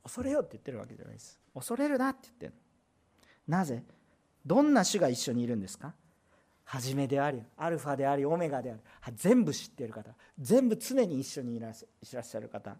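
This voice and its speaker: A pastor preaching a sermon in an emphatic way, with loud bursts and rhetorical questions. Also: medium pitch, big pitch swings, fast talker, breathy edge.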